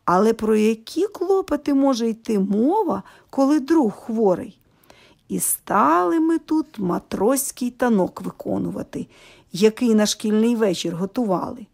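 A woman reads a children's story aloud with expressive, lively delivery. Her voice sits fairly high, swings widely in pitch, and carries a gravelly creak. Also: unhurried.

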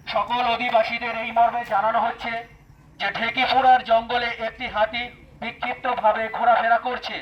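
Guy on a megaphone reading out a forest dept warning, really high flat voice, kinda muffled. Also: slight background noise. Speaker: forest department public announcer. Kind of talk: formal public warning announcement.

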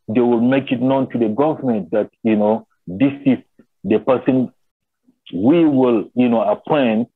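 A man's voice: medium pitch, slightly rough, no room sound. A young man from Nigeria on a video call, explaining his tribe's customs thoughtfully and often asking if he is understood. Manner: thoughtful, repeats phrases and asks "you understand?". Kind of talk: casual video call discussion. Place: small indoor room. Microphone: laptop webcam on video call. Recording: tinny phone-line sound.

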